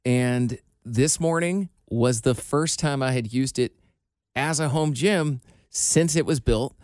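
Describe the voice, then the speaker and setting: A man from Iowa, a radio host, chatting casually with a teasing, quick storytelling manner. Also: mid-range voice, a little mellow, no echo. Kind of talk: casual chat. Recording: dry home studio mic.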